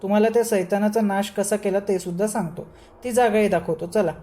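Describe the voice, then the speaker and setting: A woman's voice: mid-range voice, fairly even intonation, brisk, mellow, lightly acted. A woman voicing an arrogant impostor holy man who is really a demon, boastful and commanding.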